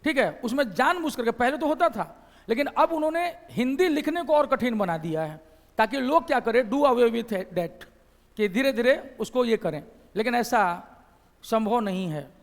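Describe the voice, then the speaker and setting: A man's voice: very high voice, expressive, normal speed, long reverb tail. A man from Bihar with a Bihari Hindi accent, teaching a classroom lecture. He explains step by step, repeats phrases and keeps asking his class questions.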